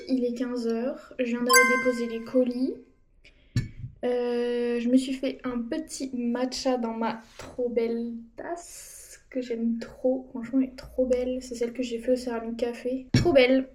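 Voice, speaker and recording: A woman with a fairly high voice talks to her viewers in a casual vlog. She is chatty and informal, a little self-deprecating, with some noise in the recording. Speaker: small business vlogger.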